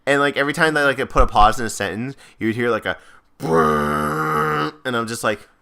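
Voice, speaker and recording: Giggly guy rambling on a podcast, hiccuping and hungry, bright smooth voice. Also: mid-range voice, very fast. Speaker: podcast co-host. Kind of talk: casual couples podcast chat.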